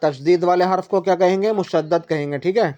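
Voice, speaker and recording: A woman's voice: on the low side, noisy background. Patient woman teacher, lo-fi recording. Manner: patient, repetitive explaining with questions; stretches out syllables to demonstrate. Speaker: Quran reading teacher. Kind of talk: one-on-one tajweed lesson. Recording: dull lo-fi recording.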